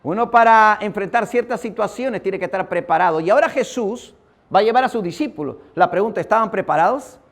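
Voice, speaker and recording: A man's voice: high voice, expressive, a little fast. A man preaching a sermon, telling a personal story and addressing his listeners as brother.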